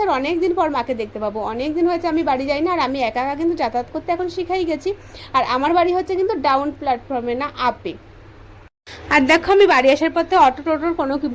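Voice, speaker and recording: A young woman vlogger talks to her viewers in a rapid, rushing patter. Her voice sits high and light, and a faint hum of ambience runs behind it. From West Bengal, India. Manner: says she speaks softly for this voice-over; chatty, addresses viewers directly. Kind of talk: casual vlog voice-over.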